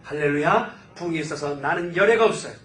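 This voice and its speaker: A man's voice: a little high, fast. Fervent preaching man, echoing sanctuary. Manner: fervent preaching, swelling to loud exclamations. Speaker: pastor. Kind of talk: sermon. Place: church sanctuary. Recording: roomy church echo.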